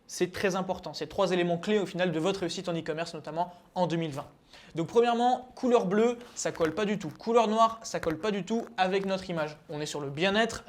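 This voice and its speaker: A man from France who runs a YouTube channel on online selling, leading a screen-share tutorial with energy and speaking directly to his viewers. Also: high voice. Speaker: e-commerce YouTuber.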